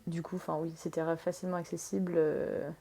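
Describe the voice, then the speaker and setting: Young French woman with a gravelly creak. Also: fairly low pitch, flat delivery, quick pace, warm tone. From France. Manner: chatty, rambling with many filler sounds. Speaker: guest, tattoo artist. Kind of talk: casual podcast chat.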